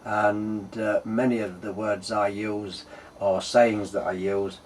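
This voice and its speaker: A man's voice: fairly low pitch, level tone, slow, a little hiss or hum. A man with a Yorkshire accent hosting a casual, unscripted workshop tutorial, explaining things in a hesitant way. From Yorkshire, England. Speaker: host of a workshop engineering channel.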